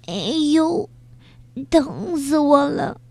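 A woman's voice: sits high, sing-song, drawn-out words, vocal fry, darkish tone, dry recording, pitched above the performer's own voice, full character voice. A woman voicing a greedy, whimpering little female beetle in a children's story. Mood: tearful. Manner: whimpering, plaintive.

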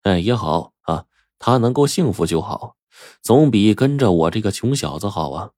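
A man's voice: lowish voice, lively intonation, moderate pace, a little mellow, dry recording, studio quality, close to an everyday voice. A man voicing a poor, timid young farmhand who stammers and pleads in a told story. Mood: sad.

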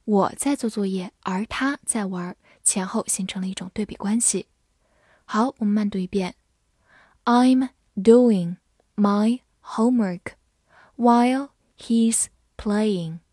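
A woman giving a scripted English vocabulary lesson, explaining words clearly and reading example sentences slowly. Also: mid-range voice, darkish tone, no room sound, clean studio sound. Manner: clear, measured, slows down for model sentences. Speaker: English teacher.

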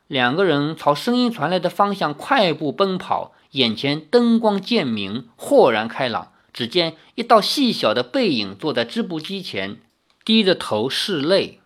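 A storyteller reading a novel aloud, animated and acting out each character. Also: mid-range voice, a little slow.

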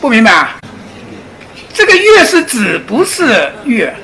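A man giving a public lecture, animated, often asking his audience rhetorical questions and chuckling as he explains. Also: very high voice, a little slow, gravelly, some chatter behind, a little hiss or hum. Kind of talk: public lecture on Chinese classics and Zen.

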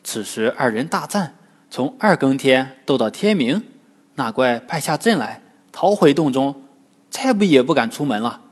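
Lively male storyteller for children. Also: medium pitch, moderate pace, breathy edge. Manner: lively, expressive. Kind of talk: scripted narration.

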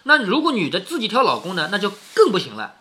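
A man's voice: high-pitched, fast talker. A middle-aged man reading a classic novel aloud to his daughter and explaining it as he goes, often asking "right?" along the way. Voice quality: lively, questioning tone with frequent tag questions.

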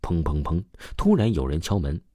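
A man telling an audio story with a very deep, dark voice and animated, swinging pitch. The recording is dry and close, with no room sound. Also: moderate pace, no room sound.

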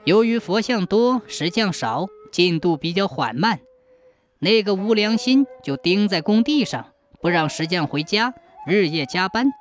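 A storyteller narrating a folk tale in a dramatic, expressive manner. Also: mid-range voice, a little slow, soft background music.

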